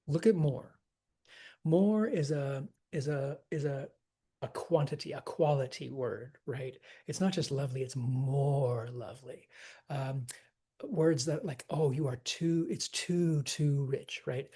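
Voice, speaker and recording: A man teaching poetry scansion, talking slowly and thoughtfully and sounding out the rhythm of each line aloud. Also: a little high, mellow, breathy edge. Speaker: acting teacher.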